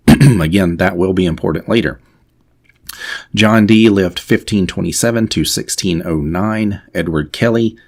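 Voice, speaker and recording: Deep gravelly-voiced man explaining history. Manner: digressive and opinionated, with frequent fillers. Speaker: history video host. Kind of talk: explanatory monologue.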